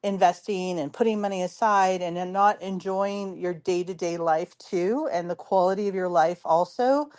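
A woman hosting a casual radio talk show in a chatty, informal, giggly way, her voice hoarse and worn from too much talking. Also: fairly low pitch, moderate pace, few pauses, darkish tone.

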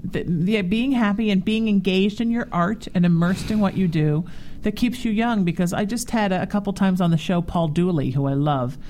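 Woman in her 40s hosting a chat show, talks fast and animated, lots of little stories. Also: mid-range voice, a little hiss or hum. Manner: chatty, animated storytelling. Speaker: show host. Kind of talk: casual talk show chat.

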